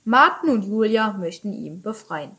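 A woman's voice: medium pitch, expressive, normal speed, bright, forceful tone, slightly rough. Teen girl reading a book summary. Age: teens. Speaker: student presenter.

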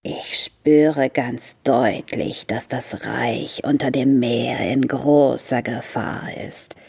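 Woman putting on a hoarse grumpy pet turtle. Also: rumbling low, steady tone, takes it slowly, darkish tone, full character voice. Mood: grumpy impatient. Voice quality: hoarse, hissing. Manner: impatient, sarcastic.

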